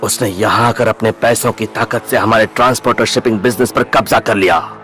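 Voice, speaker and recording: Guy doing a worried old bridge builder, anime dub, lowish voice, serious, goes on and on. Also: fairly even intonation, fairly quick, a bit bright, soft background music, lightly acted. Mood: grave. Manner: grave, explaining at length.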